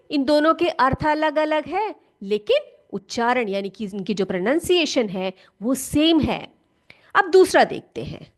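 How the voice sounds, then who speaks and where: A woman teacher, leading a classroom lesson and patiently repeating key words and questions for the students. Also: sits high. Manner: calls students "beta" warmly.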